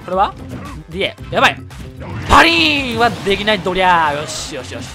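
Kansai guy commentating his game, voice jumping all over, yelling at big plays, music going behind him. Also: high voice, a little fast. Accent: Kansai Japanese. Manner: excitable, shouts and laughs at big plays. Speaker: gameplay commentator. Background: background music.

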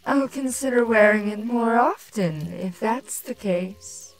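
A woman with a slightly high voice reads a dramatic fan fiction story slowly, voicing a doting, sultry changeling queen who coos coyly and affectionately at her beloved. Soft music plays behind her, and the audio quality is poor.

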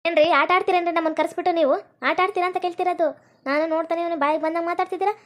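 A woman with a North Karnataka Kannada accent playing a stern police officer who scolds and threatens in a rapid way. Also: very high voice, steady tone. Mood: scolding.

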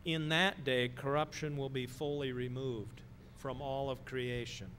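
A middle-aged man preaching a sermon in a slow, deliberate way, pausing often and stressing key words. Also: mid-range voice, steady tone, background noise. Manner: slow, deliberate delivery with pauses and emphatic stresses. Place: church sanctuary, speaking from a wooden pulpit.

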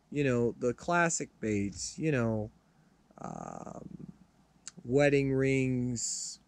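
A Californian man talks through fishing tips at an unhurried pace, stretching his words out. His voice sits at an ordinary middle pitch, and he rambles, circling back with fillers and restarts as he goes. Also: a little mellow. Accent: Californian English. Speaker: fishing channel host. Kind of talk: casual spoken fishing tips.

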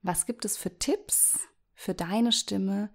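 Hoarse woman giving voice-care tips. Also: mid-range voice, slow. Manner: chatty, explains directly to the listener. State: hoarse, scratchy voice from a cold. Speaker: voice coach and podcast host. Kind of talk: solo advice podcast.

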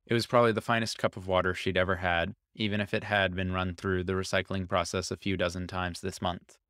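Reading scripted narration of a short story fairly quickly, a man keeps a calm, even manner, his deep, low voice resonant and smooth. It's a close, dry recording without echo or room sound.

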